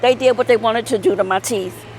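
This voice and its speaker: A woman's voice: a little high, a little fast, darkish tone, slight background noise, rough recording. A middle-aged woman talking casually to her viewers in a rambling vlog, full of fillers and repeats. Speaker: vlogger.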